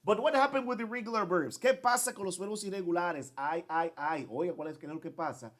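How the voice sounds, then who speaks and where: Brisk and fairly bright, the high-sitting voice belongs to another male English teacher giving a bilingual grammar lesson. Every rule gets explained in both languages as he alternates between Spanish and English, restating and translating each point.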